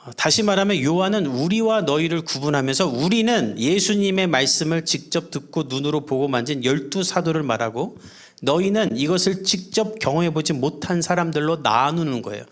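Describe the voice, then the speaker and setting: Middle-aged pastor delivering a church sermon in an earnest, chatty way, voice on the higher side for a man. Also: animated, fairly quick. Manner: earnest, conversational preaching with everyday examples. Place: church service.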